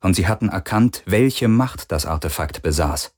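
A man narrating a science fiction audiobook in a steady, dramatic way. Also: deep voice, moderate pace. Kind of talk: scripted narration.

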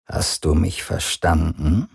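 A man doing a soft, menacing tyrant father. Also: extremely low pitch, slow pace, creaky, slightly rough, exaggerated voice. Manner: soft-spoken and threatening. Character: cold, possessive, menacing middle-aged father.

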